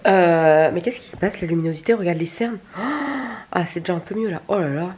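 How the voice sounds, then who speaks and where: With a fairly low, darkish voice, a young woman talks briskly to camera for her vlog stories. The chat is confessional and colloquial, crude and frank, full of grumbling and jokes at her own expense.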